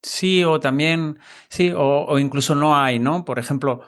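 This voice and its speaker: A man's voice: fairly high pitch, a little slow, fairly bright tone. A man hosting an interview. He is a Spanish teacher and talks hesitantly, with many fillers and tag questions. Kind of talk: casual interview chat.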